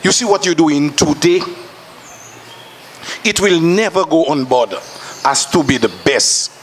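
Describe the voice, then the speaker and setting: On a panel, a man with a Dominican accent speaks with emotion and urgency, calling people to action in an impassioned discussion. His voice is fairly high and unhurried, with slight background noise.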